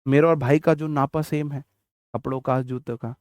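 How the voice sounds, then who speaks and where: Here a man teaches vocabulary for an exam in a relaxed, joking manner, sharing memory aids and tales from when he was a kid. His voice is medium in pitch and a bit mellow, with fairly even intonation at normal speed, and the recording has no echo.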